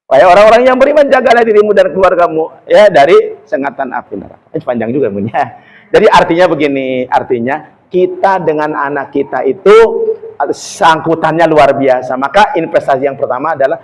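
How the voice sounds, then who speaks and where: A man's voice: a little high, a little fast, low-quality recording. A man giving a chatty religious lecture, addressing his listeners directly and reciting Arabic verses. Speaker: Islamic preacher.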